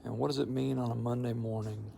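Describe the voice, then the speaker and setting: Middle aged guy w/ lots of vocal fry telling a reflective faith story, measured and pausey, bit of background noise. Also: mid-range voice, fairly even intonation, dark tone. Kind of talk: reflective personal storytelling with a devotional message.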